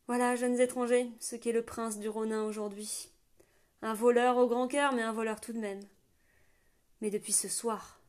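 A woman's voice: on the high side, darkish tone, lightly acted. Woman voicing a hearty rebel prince. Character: rebel prince, hearty bearded older man.

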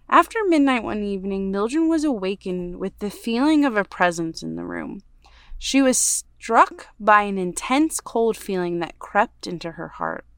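A woman podcast host reading a ghost story aloud in a measured, storytelling way, going hushed on the dark parts. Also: medium pitch, smooth, dry recording, studio quality.

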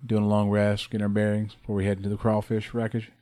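A man's voice: fairly low pitch, monotone, fast, dark tone. A man playing in a tabletop game, laid-back and joking with the group. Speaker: player. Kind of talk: casual tabletop play.

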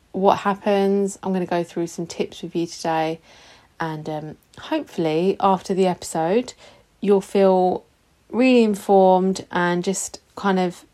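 A woman's voice: mid-range voice, dark tone. A British woman in her thirties hosting a solo podcast in a casual, confessional and self-mocking way, informal and happy to swear. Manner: chatty, confessional and self-mocking, with frequent giggling. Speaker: podcast host.

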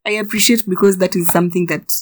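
A woman co-hosting a casual podcast chat, speaking in a measured, agreeable way. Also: lowish voice, fairly even intonation. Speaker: podcast co-host.

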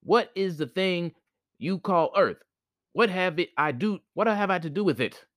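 A man's voice: high voice, expressive, moderate pace, a bit bright, dry recording, clean studio sound, voice pushed up. A man voicing the spirit of the North, a blunt cosmic power who challenges the sun with questions. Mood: challenging.

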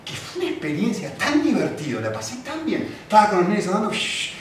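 A man preaching a sermon, telling stories in an animated way with acted-out quotes. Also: sits high, brisk. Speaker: pastor. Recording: very echoey hall, distant mic, faint noise.

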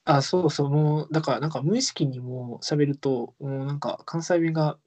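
A man's voice: on the high side, moderate pace, darkish tone. A young man with a Kansai accent, chatting casually as a podcast co-host, laughing often and trailing off. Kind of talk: casual chat.

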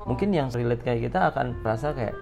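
A woman's voice: a bass voice, animated, fairly quick, vocal fry. A woman from Central Java in casual chat as a podcast co-host, explaining slang playfully with acted examples. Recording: slightly dull sound with faint guitar music.

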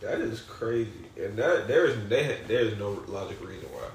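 A man's voice: lowish voice, animated, brisk. A young man chatting casually as a trivia contestant, slangy and loosely swearing. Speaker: quiz contestant. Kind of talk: casual chat in a trivia game. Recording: echoey room with faint noise.

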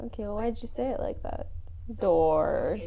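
Woman, tabletop player, slightly high pitch, earnest, protesting. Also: little pitch movement, fast, muffled recording, crowd noise. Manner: earnest, protesting, sometimes whispering. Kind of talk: casual tabletop play.

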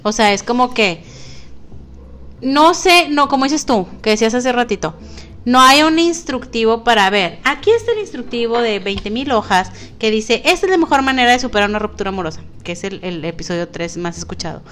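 A woman's voice: on the high side, animated, moderate pace, a bit bright, a little hiss or hum. A Mexican woman in her forties co-hosting a podcast, chatting casually and expressively, laughing often and dropping slang. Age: 40s. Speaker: podcast co-host. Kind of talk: casual chat.

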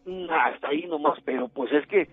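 A man's voice: on the high side, brisk, breathy edge. Mexican accent, middle-aged man, hesitant rambling caller, tinny phone line, faint music behind. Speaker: radio caller. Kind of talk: telling a ghost story on a call-in show.

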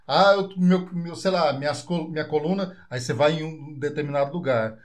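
Casting: man, Goiás Brazilian accent, chatty joking podcast host, slightly high voice. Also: normal speed. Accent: Goiás Brazilian Portuguese. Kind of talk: casual interview chat.

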